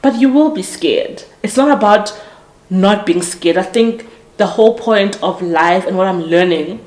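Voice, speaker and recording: With a mid-range, darkish voice and a measured pace, a podcast host in her late twenties delivers a casual motivational monologue. Her manner is earnest and reflective, marked by frequent restarts and self-corrections. The recording is low quality, made in an echoey room.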